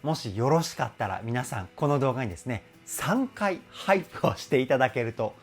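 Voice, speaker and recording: A man talks through a singer's technique as a vocal coach, warmly impressed and explanatory, now and then humming a long "uun" as he listens. His voice swings widely up and down in pitch. Faint music plays behind him. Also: very animated. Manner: enthusiastic, explanatory, admiring; speaks with soft drawn-out "uun" sounds while listening. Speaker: vocal coach reacting to a song. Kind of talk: casual video commentary.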